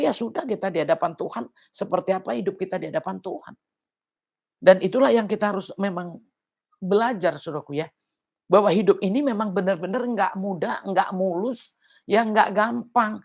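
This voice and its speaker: A woman pastor with an Indonesian accent, preaching a sermon in an earnest, repetitive style that keeps appealing to her listeners. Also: mid-range voice.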